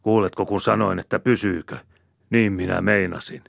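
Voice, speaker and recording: Guy voicing a gruff old peasant grump, blustery, low-ish voice, dry. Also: steady tone, dry recording, full character voice. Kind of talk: audiobook character voice.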